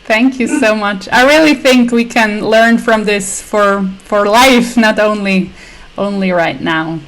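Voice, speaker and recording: A woman's voice: mid-range voice, a little slow. A woman hosting a podcast roundtable, upbeat and encouraging as she introduces her guests. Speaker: podcast host. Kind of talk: hosting a casual video roundtable.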